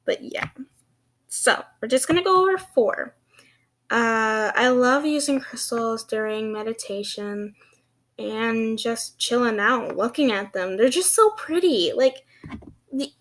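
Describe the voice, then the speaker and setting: There's slight background noise as a young vlogger with a fairly bright, slightly high voice rambles casually. She has a lisp that slurs s toward sh, and she talks hesitantly, giggling and putting herself down.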